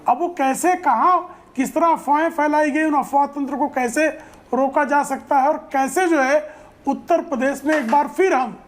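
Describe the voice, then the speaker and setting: A woman's voice: high voice, moderate pace. A woman making her party's case in a TV debate, with rhetorical lists. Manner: listing and rhetorical. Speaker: party spokesperson. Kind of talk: debate argument.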